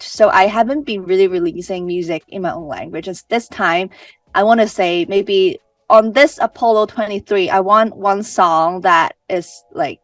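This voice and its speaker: A woman's voice: mid-range voice, no room sound, recorded from a distance. A young woman from Hong Kong with a Hong Kong accent, Cantonese her first language, answering interview questions casually and often restarting her sentences. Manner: chatty, with many "like" fillers and restarts. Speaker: singer-songwriter guest.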